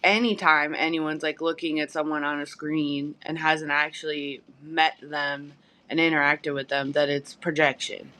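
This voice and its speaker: A woman's voice: low voice, moderate pace. Giggly Midwestern woman, podcast co-host. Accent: Midwestern American. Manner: giggly, relaxed, says "like" often. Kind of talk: casual podcast chat.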